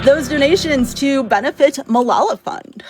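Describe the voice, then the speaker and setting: A woman's voice: sits high, moderate pace. A woman giving chatty, upbeat live commentary on her own speedrun, laughing often. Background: game music.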